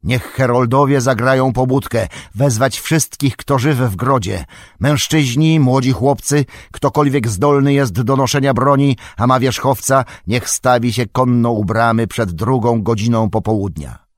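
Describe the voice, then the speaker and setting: A man's voice: medium pitch, a little slow, no echo, studio quality, voice pushed up, lightly acted. A man voicing an old king who speaks in a firm, commanding, authoritative way in a storybook reading.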